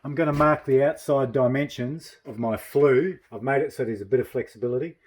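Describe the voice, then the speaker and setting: A man's voice: mid-range voice, brisk, a little mellow, a little hiss or hum. Matter-of-fact New builder, a man. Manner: methodical, step-by-step, matter-of-fact. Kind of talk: casual practical explanation.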